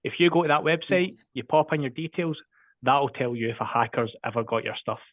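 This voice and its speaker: A man with a Scottish accent, originally from Scotland, giving a brisk, confident business pitch over a video call. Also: dry recording. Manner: brisk, confident and matter-of-fact. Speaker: business speaker pitching his firm. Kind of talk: short networking pitch. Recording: tinny phone-like line, dry.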